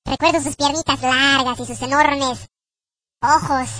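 Super squeaky pervy chipmunk dude, mexican accent, meek and sheepish, bright chirpy tone. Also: male voice, steady tone, a little slow, no room sound, heavily acted. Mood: sheepish confessing. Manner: confessional, meek, apologetic. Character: lecherous adult male chipmunk, shameless and sheepish. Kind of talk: parody comedy sketch.

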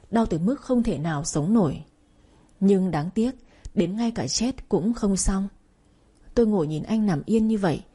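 A woman narrates a sad audiobook story at a measured pace. Her voice is mellow and dark, with a breathy edge. The telling stays sorrowful and emotional throughout. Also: medium pitch.

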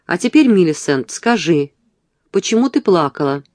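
A reader voicing a bellowing drunk brute of a gentleman. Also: mid-range voice, sing-song, moderate pace, no echo, clean studio sound, lightly acted. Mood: brutal. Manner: rough, bellowing, cursing. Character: drunken brutish gentleman, bullying and loud.

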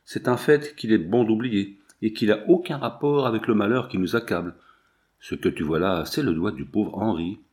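A man reading aloud, voicing a grief-stricken elderly general who laments in a lower, shaken voice. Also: normal speed, a little mellow, lightly acted. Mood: anguished.

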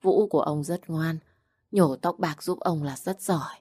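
A woman's voice: sits low, unhurried, breathy edge, dry recording, clean studio sound. Woman doing a kind old grandfather. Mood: reassuring. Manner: comforting and calm.

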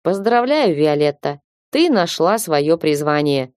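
A woman's voice: low voice, sing-song, unhurried, darkish tone, smooth, dry recording, clean studio sound. A woman voicing a sly, snarky male talking cat who teases and bosses the heroine, read in an audiobook. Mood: bossy. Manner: teasing, bossy, mocking. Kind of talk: audiobook character reading.

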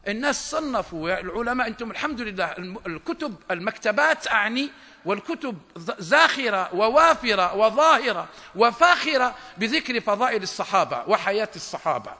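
Impassioned high-voiced preacher in an echoing hall. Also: male voice, sing-song. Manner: impassioned, rising to shouts at key points; halting restarts and repeated phrases. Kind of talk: sermon. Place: lecture hall. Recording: long hall reverb.

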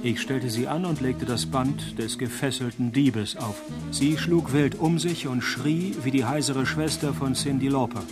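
A man performs a cynical noir detective for a radio play. He is dry and deadpan, wisecracking his way through hardboiled lines. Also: mid-range voice, measured pace, few pauses, music in the background, close to an everyday voice. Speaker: narrator and lead actor of a detective radio play. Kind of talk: noir detective parody radio drama, first-person narration.

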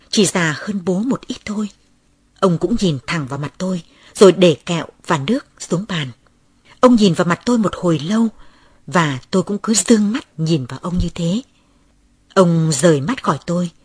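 A woman reads a first-person memoir aloud in a calm, measured storytelling manner. Her voice is husky and very breathy, and sits slightly low. It is recorded close and dry, with no room sound around it. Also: no echo. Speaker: narrator.

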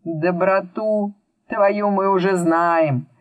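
A woman reading a calm, wry male wizard with a steady, mildly mocking manner. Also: medium pitch, slow pace, no echo, dull audio, pitched above the performer's own voice. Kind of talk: audiobook reading.

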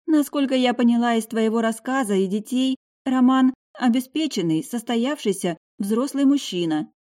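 A worried, loving mother, voiced by a woman narrating an audiobook pleads and cautions in a coaxing, protective way. Her voice sits clearly above the narrator's own register. The tone stays soft and mellow. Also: on the high side, normal speed, pitched above the performer's own voice, natural voice. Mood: anxious, warning. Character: worried, tender middle-aged mother. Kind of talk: audiobook character voice.

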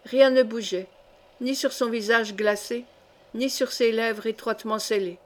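A woman reading a classic story aloud as an audiobook narrator, with a measured, even delivery. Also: on the high side.

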